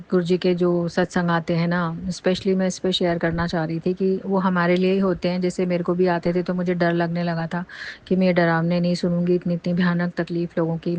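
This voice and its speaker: A middle-aged woman shares a devotional testimony in an earnest, rambling way. Her voice sits low and stays fairly even, with a mellow tone. The recording sounds dull and lo-fi.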